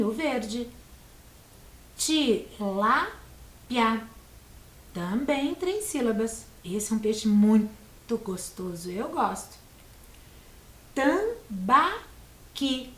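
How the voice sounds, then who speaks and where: Brazilian teacher lady talking to little kids, slow and sing-songy, kinda echoey room. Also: on the high side, darkish tone. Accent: Brazilian Portuguese. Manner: slow, patient, encouraging, sounds out words. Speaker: primary school teacher. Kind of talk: teaching a video lesson to children.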